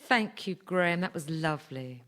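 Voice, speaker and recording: A woman playing a patient, gently firm birthing class teacher in a radio sketch comedy. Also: deep voice, animated, normal speed, noisy background.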